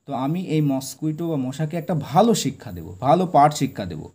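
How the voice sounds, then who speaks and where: A man whose first language is Bengali teaches English, reading a story very slowly and explaining each phrase. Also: on the high side, animated, warm tone, breathy edge. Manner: reads English words very slowly, keeps asking "right?".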